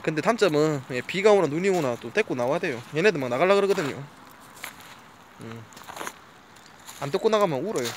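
A man's voice: fairly high pitch, lively intonation, brisk, long pauses, slight background noise. A man chatting casually to camera while walking his dog by a riverbank outdoors, now and then coaxing the dog. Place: outdoors by a gravel riverbank at dusk.

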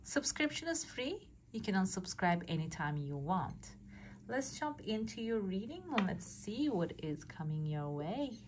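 A woman's voice: mid-range voice, sing-song, unhurried. A woman speaking as a fortune teller, giving a casual, conversational reading straight to the listener. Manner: fortune teller's direct address to the listener, often checking with "okay?". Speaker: fortune teller, channel host. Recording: clearly noisy background.

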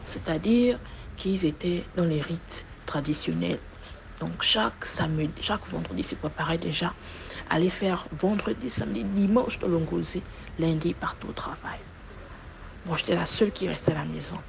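A woman giving a personal testimony, retelling events in an animated way, with sudden loud rises and repeated words. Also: on the low side, normal speed, vocal fry. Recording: muffled recording with faint background noise.

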